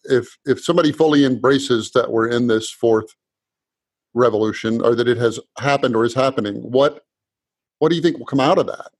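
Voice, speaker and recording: A man's voice: medium pitch, a little fast, slightly rough, no echo. Male host in a dry room, groping through his questions. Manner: searching, rephrases his questions. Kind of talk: interview questions.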